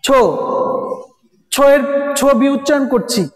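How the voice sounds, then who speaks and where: A teacher leads a recorded grammar lesson, firing rhetorical questions at the students and repeating sounds one by one. The voice sits in the middle of the pitch range. The room is echoey, with a long reverb trailing each phrase. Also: a little fast.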